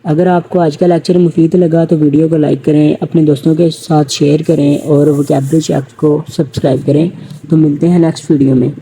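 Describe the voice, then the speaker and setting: A man with a somewhat high voice gives a recorded English grammar lecture. His tone is very dark and mellow, with a husky edge. He keeps asking his students questions and then answers them himself. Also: flat delivery, poor audio. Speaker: English teacher.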